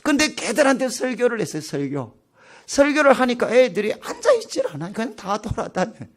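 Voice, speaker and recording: A man's voice: very high-pitched, wildly swooping pitch, brisk. A middle-aged man, a pastor, telling a personal story in a revival sermon, acting out his own outbursts.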